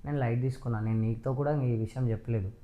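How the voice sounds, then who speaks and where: A man's voice: mid-range voice, steady tone, racing, muffled recording. A man, arguing insistently with his wife and raising his voice in a staged family quarrel. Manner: accusing, insistent, raises voice. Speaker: husband.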